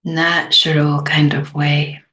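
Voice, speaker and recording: A woman guides a meditation softly and without hurry, with long silences between brief phrases. Her voice sits low and her tone stays level.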